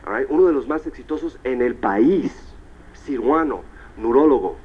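A man voicing a woman in his story who quietly points out successful people in the crowd. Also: medium pitch, expressive, normal speed, slightly rough, highs cut off, voice pushed down. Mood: confiding.

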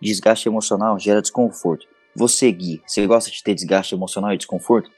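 A man's voice: fairly low pitch, fast, slightly rough, soft background music. A Brazilian man, a podcast guest, chatting casually and acting out little scenes as he explains his audio work. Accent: Brazilian Portuguese. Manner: animated storyteller acting out scenes.

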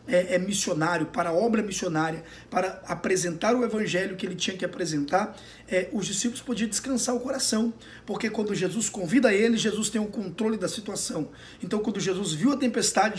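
A pastor with a high, bright-edged voice delivers an earnest sermon. He comforts his listeners, circling back to the same phrases with small filler pauses. A faint background hum sits under his voice.

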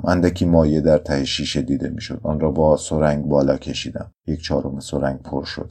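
Very deep, dark male narrator voice. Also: breathy edge. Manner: somber, measured, low-key reading. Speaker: audiobook narrator. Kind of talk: scripted first-person narration of a story.

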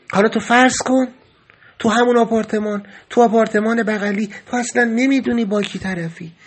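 A man's voice: very high voice, husky. A man narrating a first-person memoir in an earnest, grave storytelling manner. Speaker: podcast narrator.

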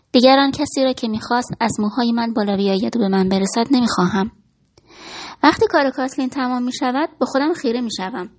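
A woman narrating a first-person story in a reflective, expressive reading. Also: fairly high pitch.

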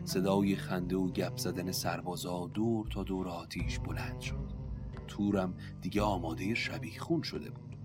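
A man retelling an old epic tale in prose, narrating in a steady, measured way. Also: low voice. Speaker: storyteller.

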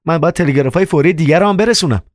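A man's voice: on the high side, no room sound, clean studio sound, pitched above the performer's own voice, natural voice. A man voicing an impatient, brusque woman delivering telegrams in an audiobook. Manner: brusque, hurried. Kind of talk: audiobook character voice.

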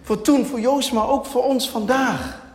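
A man preaching a sermon, asking and answering his own questions in a lively way. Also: extremely high pitch, a little slow. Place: church hall. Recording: echoey hall, long reverb.

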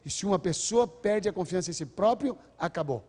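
A man's voice: high-pitched, expressive, a little fast, warm tone. An older man giving a lecture on parenting to a large audience, earnest and acting out exchanges between parents and children. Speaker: speaker on parenting. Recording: long hall reverb.

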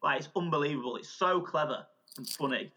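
Man, slightly high voice, casual banter, repeats himself. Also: a little fast, bright, forceful tone. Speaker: podcast co-host. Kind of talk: casual chat. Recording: dull lo-fi audio.

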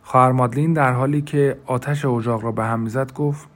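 A man's voice: mid-range voice, steady tone. A man reading a novel aloud as an audiobook narrator, voicing the characters' lines in everyday spoken style. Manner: reads quoted speech of several characters in a conversational colloquial register. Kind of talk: scripted narration.

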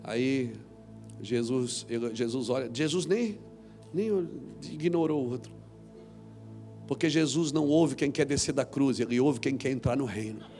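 A man preaching a sermon as pastor, with dramatic swings from loud shouts to low murmurs. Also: unhurried, faint music behind.

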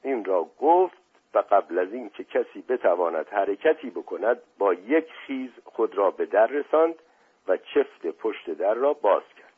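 Husky male audiobook narrator. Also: lowish voice, sing-song. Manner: dramatic storytelling. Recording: tinny phone-like audio.

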